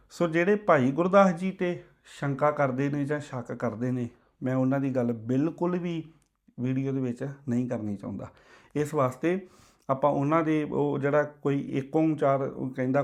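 A man teaching the pronunciation of a sacred word. He repeats it in slow, drawn-out recitation and explains it patiently. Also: mid-range voice. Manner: slow drawn-out demonstration chanting. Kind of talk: recitation lesson.

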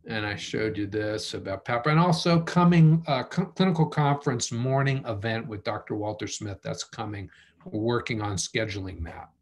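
A man's voice: lowish voice, moderate pace. Man hosting a casual video-call talk. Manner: conversational, thinks aloud with restarts. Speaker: host of an online family-studies program.

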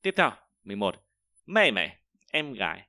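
A man teaching a vocabulary lesson, explaining each word and repeating example sentences slowly, with frequent hesitations. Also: lowish voice, very animated, sharp tone, no echo, clean studio sound. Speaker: Chinese teacher.

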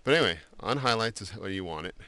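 A man giving a screen-recorded software drawing tutorial, talking loosely with many fillers and restarts. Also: fairly low pitch, expressive, fast, no room sound. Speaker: art instructor.

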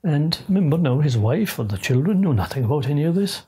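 A man in his sixties with a rural western Irish accent tells folklore in a lilting, dramatic way, with deliberate pauses and repetitions. His voice is husky. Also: on the high side, very animated, mellow. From Ireland. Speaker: storyteller of folklore. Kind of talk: traditional oral storytelling. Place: small living room, seated in armchair.

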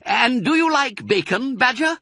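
A man's voice: extremely high pitch, lively intonation, unhurried, vocal fry, bright, forceful tone, no room sound, studio quality, pitched above the performer's own voice, full character voice. A man voicing a proud, bossy, exuberant father fox in a storybook, speaking theatrically and with relish. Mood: delighted. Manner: theatrical, exclamatory, relishing words.

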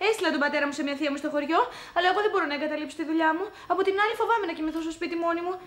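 A woman's voice: extremely high pitch, fairly bright tone, echoey room. An actress playing a chirpy, naive young woman who talks eagerly and chattily.

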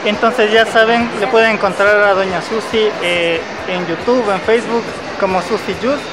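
A man's voice: sits high, steady tone, normal speed. A man vlogging about food in a busy market, speaking through a face mask in an upbeat, chatty way. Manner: upbeat, chatty, recommends to viewers. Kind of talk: casual vlog narration to camera. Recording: loud music and crowd noise behind.

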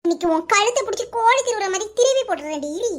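A woman with a Kanyakumari Tamil accent voicing a fierce, protective village woman who scolds loudly. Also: very high-pitched, lively intonation, quick pace, slight background noise. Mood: scolding. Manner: loud scolding, threatening.

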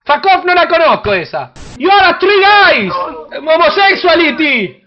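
Brash high-voiced Argentine host, crude teasing. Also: big pitch swings, unhurried. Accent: Argentine Spanish. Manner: brash, insulting, shouting and teasing. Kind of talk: crude comedic video-chat banter. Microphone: computer webcam mic. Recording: dull lo-fi webcam audio with faint hiss.

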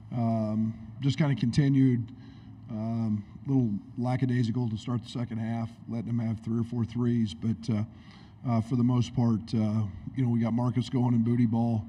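Mellow-voiced coach at a press table. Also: male voice, mid-range voice, little pitch movement, breathy edge. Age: middle-aged. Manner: halting, reflective, many restarts. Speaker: head basketball coach. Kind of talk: postgame press conference answers. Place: indoor press conference room. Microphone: table microphone on stand.

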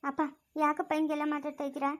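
Very high-voiced pleading woman. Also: monotone, fast talker. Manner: anxious, pleading. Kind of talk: family village drama.

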